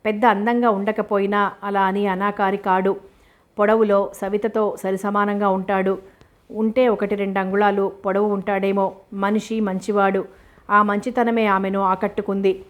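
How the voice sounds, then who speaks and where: Female audiobook narrator, mid pitch, flat, steady reading. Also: moderate pace.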